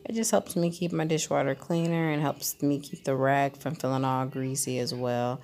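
Low, gravelly-voiced woman narrating casually. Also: moderate pace, slight background noise. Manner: chatty and relaxed, with fillers like "um" and "kinda". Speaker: lifestyle vlogger. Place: home recording, voice-over not recorded in the pictured kitchen.

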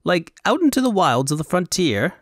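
A man voicing a foppish, talkative male noble with a high, affected fantasy accent, in a storybook audiobook. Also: big pitch swings, moderate pace, dry recording, clean studio sound. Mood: chatty. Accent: high Elvunian fantasy accent. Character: foppish high-voiced male Elvunian noble, flamboyant and chatty.

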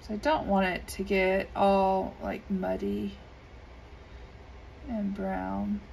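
Her voice is medium in pitch, scratchy, darkish and full of vocal fry, delivered completely flat and slowly. This coloring video creator chats casually and unhurriedly at an indoor desk as she colors, using lots of ums. An overhead camera above the desk serves as the microphone.

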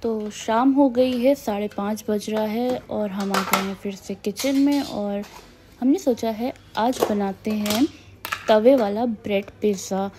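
A woman's voice: mid-range voice, a little slow, noisy background. A young woman with a North Indian Hindi accent narrating her family vlog in a chatty way, slipping English phrases into her Hindi. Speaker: family vlogger.

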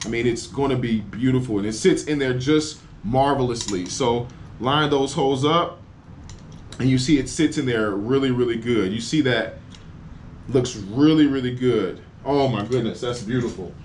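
A man's voice: mid-range voice, moderate pace, darkish tone, slight background noise. A man in his forties talking casually to camera in an outdoor unboxing vlog, enthusiastic and exclaiming over each part. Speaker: cycling vlogger. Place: outdoors against a building wall.

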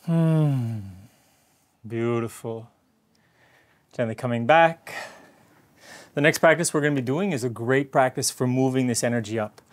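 A man's voice: mid-range voice, normal speed, pauses often. A man teaching a guided yoga class, giving encouraging instructions and slightly out of breath.

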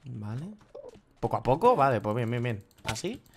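A man's voice: medium pitch, very animated, normal speed, slight background noise. A man with a Spain Spanish accent giving casual gameplay commentary. He swears often and breaks into sudden yelps. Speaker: gaming youtuber.

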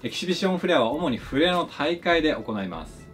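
A man's voice: quick pace, faint music behind. A man, a flair bartender, giving a polite, scripted explanation of his craft. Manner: polite, explanatory, lively pitch swings. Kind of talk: scripted educational narration.

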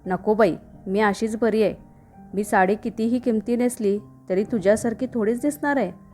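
A humble, devout mother, as a woman storyteller plays her, speaking with tender, homely modesty in a slightly high voice. Soft music drifts faintly under this storybook figure. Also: moderate pace, close to an everyday voice. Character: humble, devout, simple middle-aged mother.

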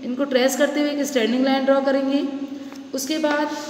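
A woman's voice: high-pitched, little pitch movement, a little fast, a little mellow. A woman with an Indian accent teaching small children to write a letter, patiently repeating each step and mixing simple English phrases into her instructions. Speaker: nursery teacher. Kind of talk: children's handwriting lesson. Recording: echoey room with long reverb, faint ambience.

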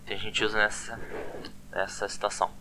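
Talking fast in a level, sharp, lowish voice, the man runs a casual online language lesson and frequently repeats words with a questioning "né?". Slight background noise can be heard.

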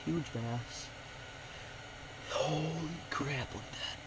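A man vlogging while ice fishing on a frozen lake, talking quietly to himself and the camera as he fishes, with sudden excited bursts. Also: on the high side, slow, heavy background noise. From Wisconsin. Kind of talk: casual narration while fishing.

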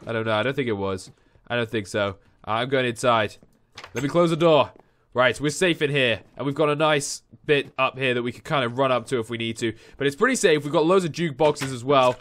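An English gaming YouTuber gives excitable Minecraft let's play commentary on a headset in a room at home, yelping and shouting when chased. He's a young man with a mid-range, nasal voice stuffy from a cold, speaking briskly.

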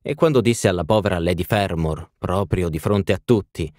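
A man narrating a classic story in an expressive literary reading style. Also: sits low, moderate pace, no echo, clean studio sound. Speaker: audiobook narrator. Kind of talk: scripted narration.

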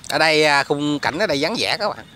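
A bright, crisp-voiced man talking casually to his viewers as he films outdoors on a phone. He keeps asking if they can hear and see things. Faint rain and frog croaks sit behind him. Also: on the high side, lively intonation, fast talker, a little hiss or hum. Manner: chatty, addresses viewers constantly. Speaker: vlogger. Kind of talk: casual outdoor vlog commentary. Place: outdoors in rain at a quiet resettlement area. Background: rain and frogs croaking.

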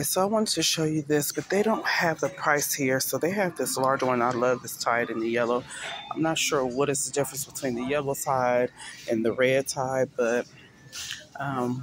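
A woman in her forties with a very deep voice, carrying a little hiss or hum, films herself on a handheld phone as a mom vlogger. Chatty and folksy, she talks casually and a bit sleepily to viewers, calling them "y'all" and "baby," as she shops on a budget, first from a parked car and then inside a big-box store.

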